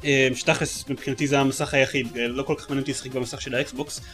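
A man's voice: medium pitch, little pitch movement, a bit bright, soft background music. A man co-hosting a casual gaming podcast, talking eagerly and rambling with many fillers. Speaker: podcast co-host.

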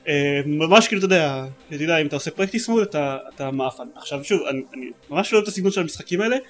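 A man's voice: a little high, lively intonation, a bit bright, faint music behind. A man co-hosting a casual gaming podcast, talking eagerly and rambling with many fillers. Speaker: podcast co-host.

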